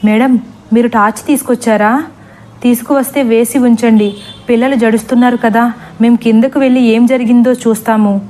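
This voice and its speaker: A woman's voice: fairly high pitch, fairly even intonation, moderate pace, dark tone, lightly acted. A woman voicing a frightened middle-aged male schoolteacher who talks in a trembling, urgent way. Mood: calm.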